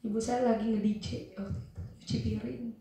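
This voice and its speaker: A woman's voice: on the high side, fairly even intonation, brisk, dark tone. A young woman giving a spirited testimonial speech to an audience, telling a personal story and acting out the dialogue. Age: young adult. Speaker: motivational speaker. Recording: echoey hall from far off.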